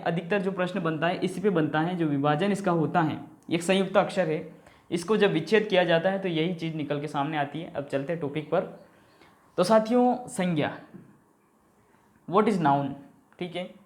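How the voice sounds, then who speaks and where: In this exam-prep grammar class, the male teacher's voice is a little high. He puts questions out and resolves them himself, addresses the audience as companions, and repeatedly checks in with a brief "okay".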